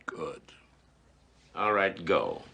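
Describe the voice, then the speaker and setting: Gruff old district attorney, punchy low voice, bossy and fed up. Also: male voice, very animated, extremely slow, pushed and bright, full character voice. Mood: commanding. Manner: exasperated, curt, bossy. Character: veteran district attorney, older man, gruff and imperious.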